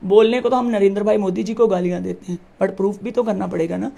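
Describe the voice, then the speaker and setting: A woman's voice: mid-range voice, fairly even intonation, fast, gravelly, dark tone. A woman who heads her village, recounting a confrontation with the police in an interview and acting out the dialogue emphatically. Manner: emphatic, acts out quoted dialogue. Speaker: village head.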